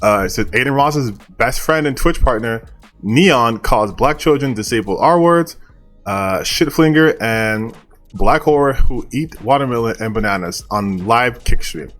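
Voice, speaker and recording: A man's voice: mid-range voice, expressive, unhurried, fairly bright tone, soft background music. A male online commentator talking casually and bluntly, dismissive and opinionated, with some casual swearing.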